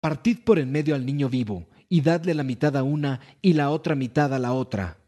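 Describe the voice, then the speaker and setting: A man's voice: mid-range voice, brisk, warm tone, lightly acted. A man voicing a wise, stern old king who gives solemn, commanding orders, a little back from the mic.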